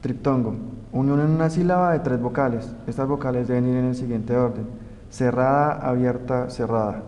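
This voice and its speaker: A man's voice: medium pitch, darkish tone, highs cut off. Young man reading grammar rules, roomy sound. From Colombia. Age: young adult. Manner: slow, careful reading of rules and example words. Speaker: student presenter. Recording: roomy reverb, faint background noise.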